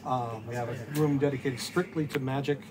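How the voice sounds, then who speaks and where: A man's voice: mid-range voice, fairly even intonation, fairly quick, a crowd in the background. A middle-aged man giving an informal, matter-of-fact guided tour as a store staff member, recorded on a handheld camera in a large indoor space. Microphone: handheld camera a few steps away.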